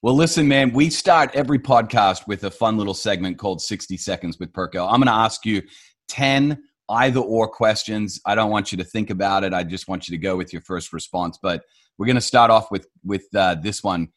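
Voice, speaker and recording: A man's voice: lowish voice, brisk. A man with an Australian accent hosting a podcast, chatty and friendly. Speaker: podcast host. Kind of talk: podcast interview.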